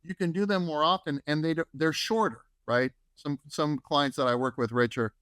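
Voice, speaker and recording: A podcast co-host gives casual advice in a conversational style, leaning heavily on "right?" and "you know." His voice is a little high, steady, fairly bright and smooth, at a normal pace and with no echo.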